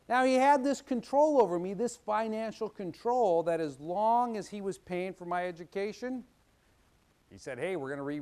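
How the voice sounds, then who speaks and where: A middle-aged male attorney explains how business agreements work in an easygoing, folksy way. His voice sits a little high for a man. He tells personal stories and acts out the back-and-forth of quoted conversations with lively energy. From Washington State, US. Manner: folksy, animated storytelling, acting out quoted dialogue. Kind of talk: explanatory legal talk with anecdotes.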